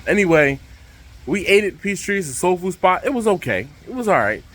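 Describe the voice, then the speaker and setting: A man hosting a casual vlog to camera, speaking outdoors over the rushing water of a waterfall by a pool. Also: high voice, very animated, a bit bright. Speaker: vlog host.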